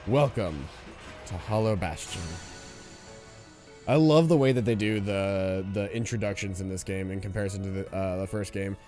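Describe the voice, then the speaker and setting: A man's voice: sits low, moderate pace, dark tone, faint music behind. A man casually commenting while he plays a video game on a live stream. He explains things as he goes and reads the game's text aloud.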